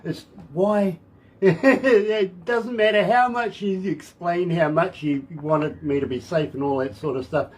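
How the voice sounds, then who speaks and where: A man's voice: high voice, unhurried, poor audio. An older man from New Zealand with a Kiwi accent, hosting a casual radio interview and joking with many restarts. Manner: jokey, chuckling, rambling with restarts. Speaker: radio DJ and host.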